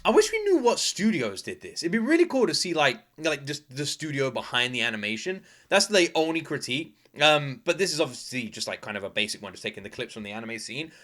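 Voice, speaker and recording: A man giving casual, excited reaction commentary, gushing and exclamatory and swearing freely. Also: medium pitch, fairly quick, hardly any pauses. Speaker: reaction video host.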